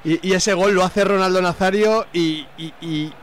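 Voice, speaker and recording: A man's voice: sits high, fairly even intonation, moderate pace. A man giving conversational football analysis, hesitant and repeating his phrases. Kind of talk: conversational live commentary.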